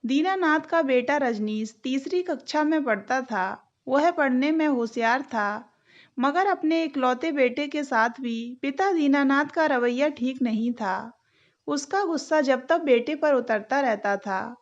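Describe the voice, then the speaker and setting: A woman narrating a moral story in an even, deliberate reading voice. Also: high-pitched. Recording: dull lo-fi recording.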